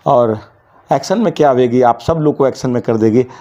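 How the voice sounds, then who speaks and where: A man's voice: medium pitch, a little fast, mellow. Emphatic man exhorting in dull audio. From Bihar, India. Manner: emphatic, exhorting, slips into Urdu vocabulary. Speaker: interview guest, journalist and committee secretary. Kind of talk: earnest interview answers.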